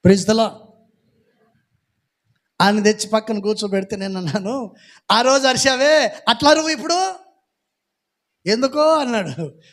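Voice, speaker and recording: A pastor preaching a sermon, animated, acting out the people he quotes and raising his voice to a shout. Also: high voice, a little slow, long pauses. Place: church hall.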